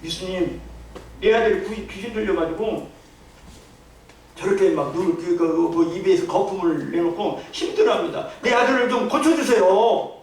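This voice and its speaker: A man's voice: high voice, moderate pace, slight background noise. A man voicing a desperate father who begs for help for his possessed son, speaking in a faltering voice. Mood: pleading. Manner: begging, faltering. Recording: very echoey church hall, distant mic.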